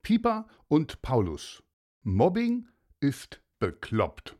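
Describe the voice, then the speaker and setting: A man's voice: medium pitch, wildly swooping pitch, very slow, warm tone. A man narrating a children's story, speaking directly to young listeners in a friendly way.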